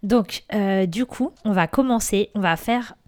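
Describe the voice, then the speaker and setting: A woman's voice: medium pitch, a little slow, a little mellow. A young woman, chatting casually and teasingly as a podcast co-host. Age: young adult. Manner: playful, teasing. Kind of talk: casual chat.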